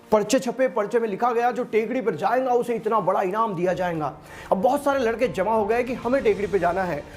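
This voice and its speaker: A man telling a motivational story and addressing listeners as friends. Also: sits high. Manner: addresses listeners as friends, voices villagers in quotes.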